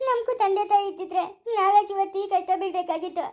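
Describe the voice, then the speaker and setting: A woman's voice: very high-pitched, steady tone, fast talker. A woman playing a poor, orphaned village woman in her thirties, pleading and tearful in a family drama. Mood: hurt tearful. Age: 30s.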